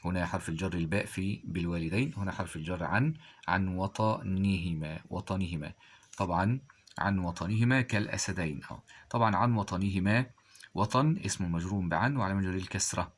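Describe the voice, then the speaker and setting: In a voice that sits low with a breathy edge, a man leads a grammar class: he goes through example sentences slowly and then quizzes the listener, supplying the answers himself.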